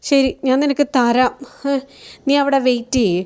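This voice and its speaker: A woman's voice: high voice, moderate pace, darkish tone, smooth, lightly acted. A woman doing a scolding middle-aged mother. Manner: scolding, exasperated.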